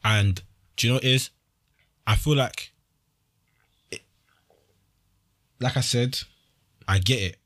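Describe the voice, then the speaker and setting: A man's voice: mid-range voice, slow pace, pauses often, fairly bright tone. A young man with a London accent in casual podcast chat, slangy and emphatic, often repeating his phrases. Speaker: podcast panelist.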